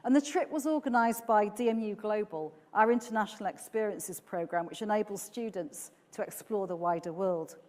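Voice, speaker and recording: A woman's voice: medium pitch, moderate pace, few pauses, darkish tone, long reverb tail. A woman giving an earnest, upbeat welcome speech to prospective students, with the odd filler. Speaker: university speaker giving welcome talk.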